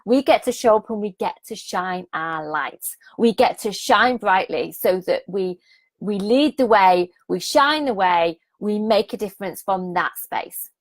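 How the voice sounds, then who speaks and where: Hosting a business coaching challenge over livestream, this thirtysomething woman sounds slightly croaky, with a mid-range, expressive, unhurried delivery. She repeats herself eagerly, often laughs, and urges viewers to drop comments.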